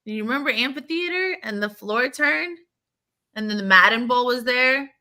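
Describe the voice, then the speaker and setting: Bright, sharp-voiced florida woman, crude and teasing, rambles thru stories w her friends. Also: a little high, animated, moderate pace. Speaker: podcast co-host. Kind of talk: casual banter.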